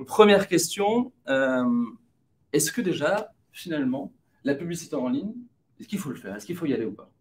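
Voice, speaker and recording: A man's voice: fairly high pitch, expressive, normal speed. A man hosting a live webinar, upbeat and joking as he puts questions to the experts. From France. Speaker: webinar host.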